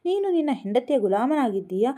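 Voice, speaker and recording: An upset grown daughter in a storybook reading, pleading and indignant as she raises her voice higher than usual, as a woman puts her on. Her tone sits mellow and soft-edged. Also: big pitch swings, moderate pace.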